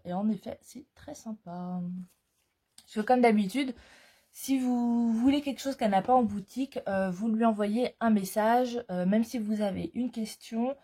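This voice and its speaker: A woman's voice: mid-range voice, warm tone. A woman scrapbooking vlogger chatting casually through a product haul, hesitant with frequent fillers.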